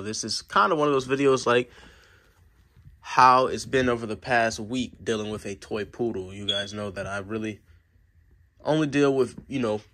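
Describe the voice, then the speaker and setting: A man's voice: medium pitch, fairly bright tone. A man talks casually to his camera at home, sharing puppy training advice. His voice is slightly stuffy from a cold, and he rambles, circling back with fillers and restarts as he goes. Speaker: dog vlogger. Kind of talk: casual vlog talk to camera.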